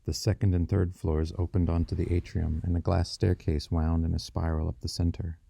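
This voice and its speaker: A man narrating a fiction audiobook in a measured, descriptive storytelling manner. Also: sits low, flat delivery, vocal fry, dark tone, no echo.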